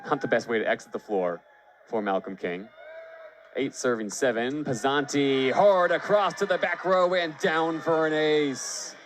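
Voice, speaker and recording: In a fairly high voice, unhurried, a man describes live baseball and volleyball on radio as the play-by-play announcer, fluent and vivid, his voice rising on key plays. A little hiss or hum sits in the recording.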